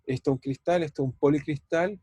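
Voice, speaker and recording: A man's voice: on the high side, fast, mellow, husky, no echo. A man teaching a university physics class over a video call, thinking aloud, repeating words and putting questions to his students. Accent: Chilean Spanish. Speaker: physics professor. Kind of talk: online university lecture.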